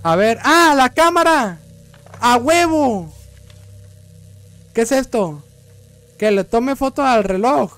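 Young male streamer, Mexican accent, high voice, rude banter, yelps at scares. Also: animated, slow pace, long pauses. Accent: Mexican Spanish. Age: young adult. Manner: crude joking, talks back to game characters; yells when startled. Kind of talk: gameplay commentary.

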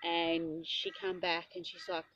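A woman's voice: on the low side, level tone, unhurried, fairly bright tone, no room sound, lo-fi sound. A woman, a riding instructor, chatting casually and telling a long story about a lesson, acting out what people said. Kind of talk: casual chat.

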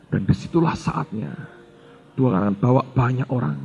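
A man's voice: mid-range voice, animated, normal speed, gravelly, darkish tone, lo-fi sound, soft background music. A middle-aged male pastor, telling a story in a sermon and acting out the dialogue while addressing the congregation.

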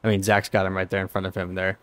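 A man's voice: low voice, monotone, fast, a bit bright, a little hiss or hum. A young man hosting a podcast interview, upbeat and welcoming. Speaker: podcast host. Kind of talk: casual interview. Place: small studio. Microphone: headset and studio mic.

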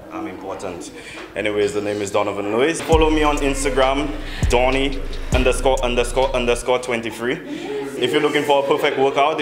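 A young man introducing himself casually, cocky and joking, as a contestant. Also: mid-range voice. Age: young adult. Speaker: dating show contestant. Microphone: handheld microphone. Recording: echoey room, music behind.

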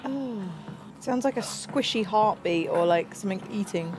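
A woman's voice: mid-range voice, lively intonation, moderate pace, over music. A woman co-hosting a game stream, chatting casually and laughing along with the player. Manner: amused, laughing side commentary. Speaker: co-host. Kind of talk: casual chat.

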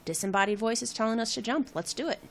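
A woman's voice: on the high side, fast, a little hiss or hum. A woman hosting a let's play, giving casual, chatty game commentary with wry asides.

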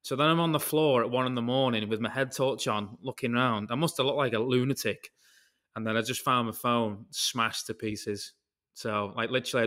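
A man's voice: mid-range voice, a bit bright. A British man chatting casually on a podcast, telling stories in a rambling way that jumps between tangents and drops the odd swear word. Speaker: podcast guest, concrete craftsman. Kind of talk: casual chat.

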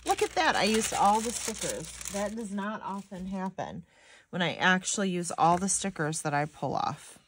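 Talking straight to her audience while she decorates a planner, a young woman from Michigan rambles in a chatty way full of "like"s. Her voice is medium in pitch, expressive and slightly nasal and stuffy, moving at a normal speed, with a little hiss or hum in the recording.

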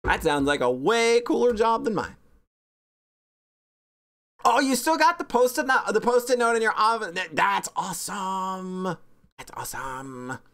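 A woman VTuber chatting casually on a stream, bubbly and self-mocking, rambling with sudden squeaky high bursts. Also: animated, unhurried, fairly bright tone. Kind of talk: casual stream chat reviewing fan art.

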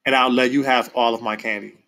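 A man reading aloud and voicing a gentle teenage older sister who speaks softly and coaxingly. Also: mid-range voice, steady tone, a little fast, close to an everyday voice. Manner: soft, coaxing.

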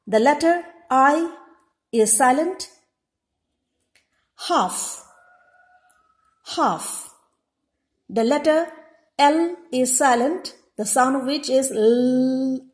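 Teaching a lesson slowly and deliberately, a woman with a high voice repeats each example word at a slow pace before explaining it. The classroom sounds echoey.

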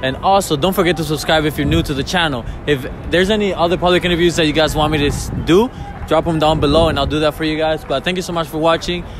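A young man hosting a casual street interview in a busy outdoor city square with a handheld mic, repeating answers back and firing quick follow-up questions. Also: a little high, background noise. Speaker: street interviewer, channel host.

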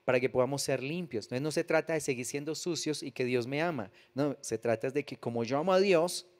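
A man's voice: mid-range voice, fairly quick. A man preaching a sermon as pastor, reading scripture aloud and then explaining it earnestly with rhetorical questions. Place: church.

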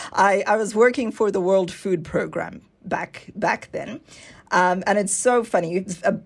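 A woman, a guest in a casual interview, telling a story with lively energy, acting out other people's voices and laughing often. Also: mid-range voice, creaky, breathy edge.

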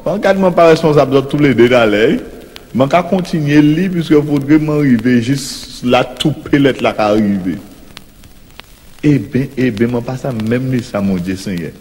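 A man's voice: medium pitch, measured pace, darkish tone, in a large hall. A man with a Martinican French accent doing a comic sketch as a blustering father, rambling in mangled, pompous French. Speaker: comedian playing a father.

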